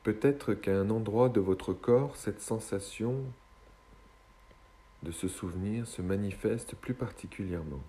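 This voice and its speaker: A man guiding a hypnosis session in a slow, soothing hypnotist's manner, with long pauses between short phrases. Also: lowish voice, warm tone.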